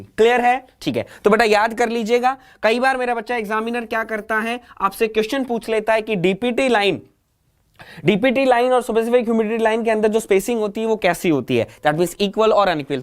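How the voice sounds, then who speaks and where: A man's voice: sits high, clean tone. A man teaching an exam coaching lecture. He asks the class a question, repeats it, answers it himself, and calls his students "child".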